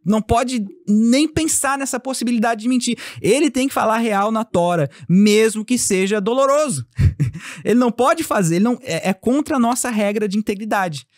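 A man being interviewed as a company founder, telling a casual story with animated delivery and acting out bits of dialogue. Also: sits high, moderate pace, dry recording, clean studio sound. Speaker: podcast guest, company founder.

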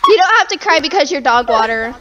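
High-voiced teasing young woman gamer. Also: big pitch swings, quick pace, crowd noise. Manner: teasing, playful trash talk. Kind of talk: casual gaming chat. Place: home, gaming with friends.

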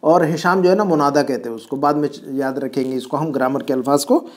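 A man's voice: medium pitch, a little fast. A man teaching an Arabic class from home, explaining each phrase patiently and quizzing his student.

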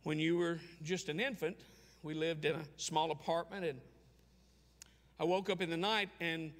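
A man voicing a gentle single mother who quietly explains her sacrifice. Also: high-pitched, in a large hall.

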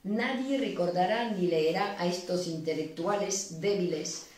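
A woman giving a steady public reading of news clippings and diary entries. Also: fairly low pitch, unhurried. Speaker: reader. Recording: echoey room, distant from mic.

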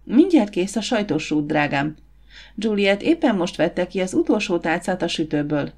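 A woman's voice: on the low side, big pitch swings, a little mellow. A woman voicing a fond elderly aunt. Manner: affectionate. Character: elderly aunt, gray-haired, fond and homely.

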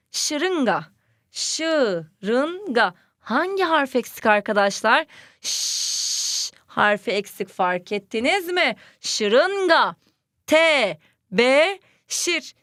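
A young woman teaching first graders to read. She sounds cheerful and speaks slowly, repeating each word aloud for the children. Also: fairly high pitch, fairly bright tone, no echo, studio quality. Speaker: primary school teacher. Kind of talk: children's reading lesson.

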